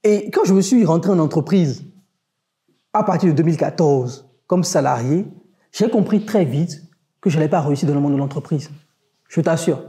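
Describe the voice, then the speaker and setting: A man's voice: fairly high pitch, moderate pace, warm tone. A man speaking earnestly in a podcast conversation, building his point in short insistent phrases.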